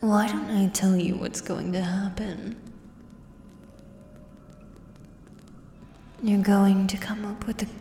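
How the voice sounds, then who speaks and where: A woman's voice: mid-range voice, dark tone. A woman in an ASMR role-play, voicing a menacing female axe-wielding beast with a predatory, taunting beast-man drawl. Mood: menacing, boastful. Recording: echoey cavern-like reverb, audible background noise.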